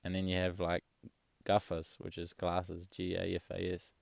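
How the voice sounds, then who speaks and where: Deep gravelly man, easygoing. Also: normal speed, no room sound. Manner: relaxed, rambling, swears casually. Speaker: travel vlogger. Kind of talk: casual chat.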